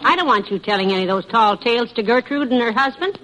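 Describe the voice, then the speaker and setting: An actress playing a homey, fond wife who fusses and gently scolds her husband in a 1940s radio comedy. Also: fairly high pitch, animated, fast talker, background noise, close to an everyday voice. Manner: patient, fussing and lightly scolding. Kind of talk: 1940s radio sitcom acting.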